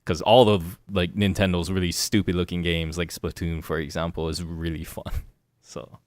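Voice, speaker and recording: A young man co-hosting a casual gaming podcast, talking in an animated way, swearing and laughing often. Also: deep voice, normal speed, dry recording. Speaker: podcast co-host.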